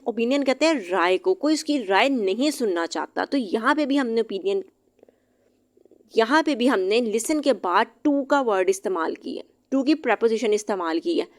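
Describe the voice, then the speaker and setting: A woman teaching English vocabulary, reading each English example slowly and then explaining it briskly, sometimes spelling words out letter by letter. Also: on the high side. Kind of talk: vocabulary lesson explained in Hindi-Urdu.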